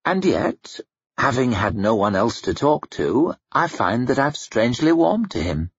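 A man's voice: medium pitch, sing-song, a little slow, slightly rough, dry recording, dull audio, heavily acted. A man voicing a weary, sick middle-aged man who speaks in a wry, understated way.

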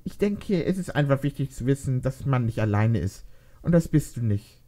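A man voicing a thoughtful, caring pregnant teenage girl in a read-aloud fan fiction story, with a gentle, hesitant delivery. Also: medium pitch, animated, normal speed, pitched above the performer's own voice, close to an everyday voice. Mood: gentle, kind.

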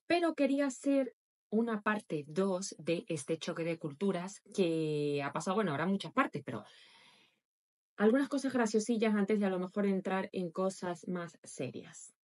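Chatty woman vlogging from Latin America. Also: lowish voice. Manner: chatty and expressive, acts out quoted voices. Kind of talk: casual vlog monologue.

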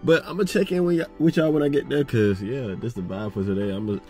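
A man's voice: medium pitch, fairly even intonation, quick pace, mellow, faint music behind. A young man in his twenties vlogging casually to a phone held at arm's length in his car, talking in a laid-back, slangy, rambling way. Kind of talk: casual vlog talk to camera. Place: inside a car.

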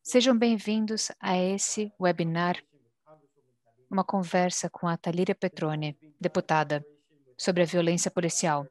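A woman with a Brazilian accent interpreting a formal speech live, phrase by phrase with pauses. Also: lowish voice, steady tone, darkish tone. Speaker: simultaneous interpreter.

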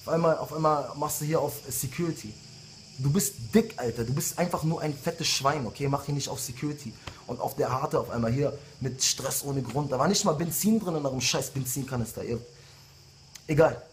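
A medium-pitched male voice, a little fast, comes through with a bit of hiss or hum. He's a rapper in his late twenties sending an angry diss video to his rivals, ranting heatedly and jabbing at them again and again with insults.

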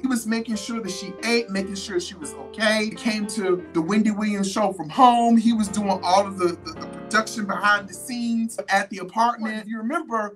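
Sassy bright-voiced woman dishing gossip. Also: mid-range voice. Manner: sassy, animated, colloquial with frequent asides. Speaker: podcast host. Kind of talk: gossip commentary.

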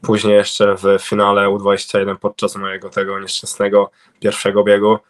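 Talking fairly quickly in a lowish, completely flat voice, the young Polish speedway cyclist responds to interview questions over a webcam video call from home. He hesitates a lot, filling gaps and restarting sentences.

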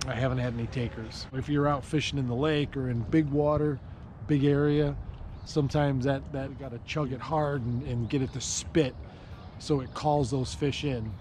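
A man in his thirties talking casually about fishing as he casts from a lake dock, recorded on an action camera. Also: mid-range voice. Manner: chatty, excited when fish strike. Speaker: fishing channel host. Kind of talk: casual fishing vlog narration. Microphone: action camera, chest-mounted then on a stand. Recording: outdoor camera mic with noticeable background noise.

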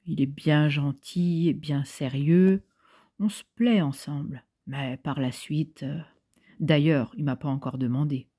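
A woman voices a coarse young housemaid, offhand and colloquial. The voice sits low and mellow with a husky edge, as in a quiet audiobook reading. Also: steady tone, unhurried. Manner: curt, colloquial.

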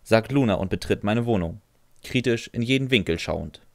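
A man's voice: fairly low pitch, expressive, normal speed, gravelly, a little mellow, dry recording. A man narrating a first-person fan audio drama in a dry, sardonic way, answering with hesitant "äh"s.

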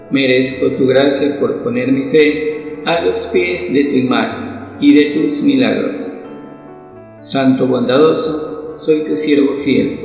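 A man reciting a devotional prayer in a solemn, pleading, measured way. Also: medium pitch, vocal fry. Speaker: prayer reader. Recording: very echoey reverberant room, soft guitar behind.

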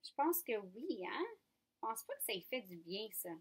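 A woman teacher with a Franco-Ontarian French accent, leading young children through a phonics lesson in slow, clear, coaxing speech. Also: fairly high pitch, very animated. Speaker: kindergarten teacher.

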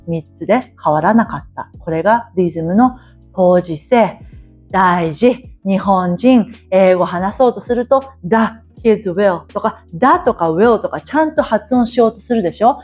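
A woman's voice: medium pitch, normal speed, a little mellow, soft background music. A woman teaching as an English coach in a casual lecture, coaxing her listeners and sounding out words as she drills them.

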